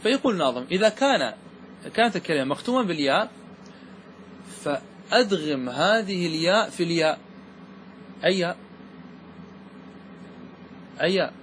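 Guy teaching grammar, kinda high voice, faint hiss behind, keeps quizzing the class. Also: lively intonation, fairly bright tone. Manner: asks students questions, slows to stress key words. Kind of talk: classroom lesson explaining verse.

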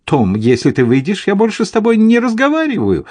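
A bossy aristocratic lady who screeches and panics at every turn, voiced by a man reading the story. Her voice jumps high and loud, with wild swings in pitch. The recording is dry and close. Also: very animated, measured pace, no echo. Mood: shrill. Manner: screeching, domineering exclamations.

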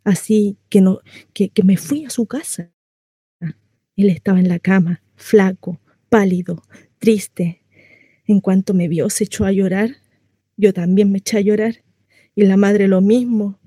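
In a radio monologue, a woman plays a housewife shut in at home, confiding her story to a neighbour. She rambles naively, throwing out rhetorical questions, in a very mellow, mid-pitched voice with a breathy edge. Her tone is steady and her pace measured with long pauses, recorded dry with no echo.

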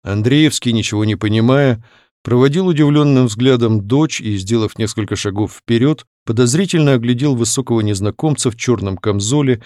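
A man narrating an audiobook in a measured, clear reading voice. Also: medium pitch, a little mellow, dry recording, clean studio sound. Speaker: audiobook reader. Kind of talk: scripted narration.

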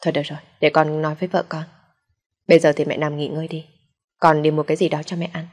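A woman voicing a young husband who speaks calmly and placatingly, in a low, husky voice. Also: fast. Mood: weary. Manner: placating, calm. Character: young husband, weary peacemaker.

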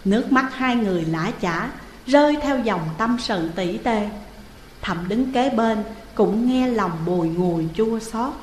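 A woman narrating a ghost story in a steady, dramatic reading. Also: fairly high pitch, unhurried. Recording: echoey hall with faint noise.

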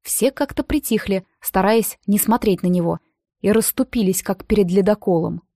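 A woman narrating a first-person audiobook with an even storytelling delivery. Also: mid-range voice, normal speed, dry recording, clean studio sound.

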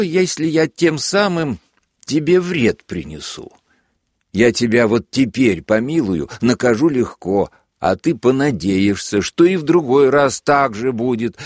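A man voicing a cruel army lieutenant who speaks with syrupy, sanctimonious mock kindness and shouts gleefully at a flogging. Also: medium pitch, no room sound, clean studio sound. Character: sadistic mock-kindly male army lieutenant.

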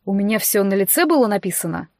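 A woman reading the part of a protective young male necromancer in a calm, earnest manner. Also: medium pitch, fast, dry recording, clean studio sound, close to an everyday voice.

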